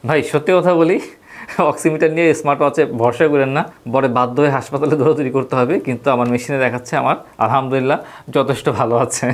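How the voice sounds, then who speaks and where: A woman rattles through a casual gadget review at a rapid clip. Her voice sits low for a woman. She is chatty, keeps turning to the viewers, and drops English words into her talk. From Bangladesh. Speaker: tech shop product reviewer. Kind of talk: casual hands-on product review.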